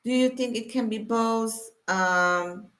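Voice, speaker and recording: Her fairly bright voice sits fairly high as she hosts a weekly inspirational live stream. Born in Iran, she talks casually and unhurriedly to her viewers, filling her speech with many fillers.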